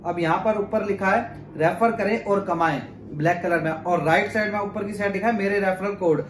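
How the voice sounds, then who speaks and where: A man's voice: high voice, normal speed, echoey room, a little hiss or hum. A young man talking to camera in a chatty tutorial, walking viewers step by step through a shopping app. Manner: chatty and explanatory, often says "friends". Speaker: YouTuber explaining a shopping app. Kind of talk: casual tutorial talk to camera. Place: indoors in front of a plain blue backdrop.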